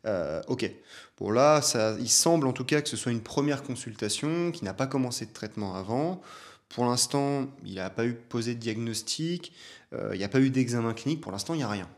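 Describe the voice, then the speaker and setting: A man's voice: mid-range voice, lively intonation, brisk. Chatty male chiropractor commenting. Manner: chatty, hesitant with many fillers. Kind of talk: reaction video commentary.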